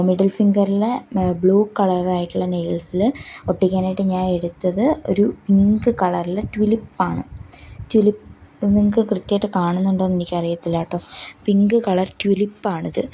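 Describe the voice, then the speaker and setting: A woman's voice: mid-range voice, mellow. A woman, chatting through a craft unboxing at home with the window open and traffic outside. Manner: chatty, explains each step, frequent fillers. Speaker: vlogger. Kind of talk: casual unboxing vlog narration.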